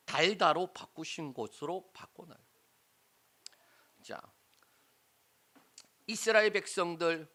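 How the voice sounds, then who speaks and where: A middle-aged male pastor preaching a sermon, animated and often prompting the congregation with rhetorical questions. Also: high voice.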